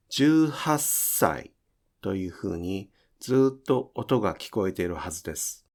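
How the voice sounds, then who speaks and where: Male pronunciation teacher, slow careful delivery, lively rising and falling pitch, lowish voice. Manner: slow, careful, drawn-out example words. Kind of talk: slow explanatory lesson.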